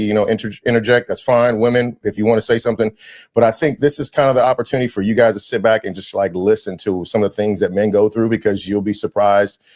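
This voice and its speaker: A man hosting a podcast, chatting casually and telling lively stories, dropping "man" often. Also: lowish voice. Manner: animated storyteller, quick, slangy, says "man" a lot. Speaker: podcast host.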